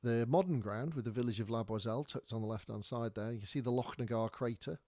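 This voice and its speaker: In clean studio audio with no echo, a North Welsh man hosting a podcast speaks quickly in a warm, mid-range voice. He chats his way through a loose, casual story, indicating spots on maps and stumbling into many fillers and restarts.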